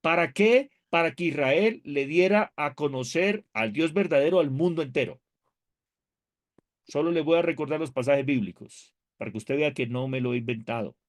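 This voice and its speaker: This is a man, a pastor, whose slightly high voice moves at a moderate pace as he lectures seminary students on theology. Animated and conversational, he asks them questions, jokes, and reads scripture with emphatic rises.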